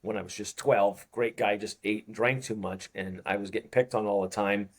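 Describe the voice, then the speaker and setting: With a lowish, steady voice and a breathy edge, the Boston fitness coach in his fifties speaks at a moderate pace. As an interview guest in casual conversation, he meanders through anecdotes and laughs softly often.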